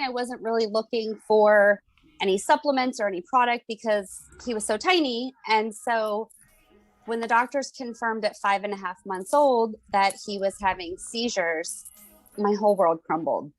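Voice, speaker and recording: A woman in her thirties tells her story as a mother, earnest and emotional. Her voice sits at a middle pitch, and the recording sounds dry and close. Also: no echo, low-quality recording. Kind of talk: personal testimony on a call.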